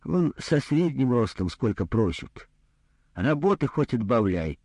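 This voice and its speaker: A man's voice: mid-range voice, sing-song, unhurried, darkish tone, breathy edge, no room sound, voice pushed up, full character voice. A man voicing a rude, greedy male doctor who talks in a brusque, condescending, grumbling way in a humorous storybook reading. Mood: gruff.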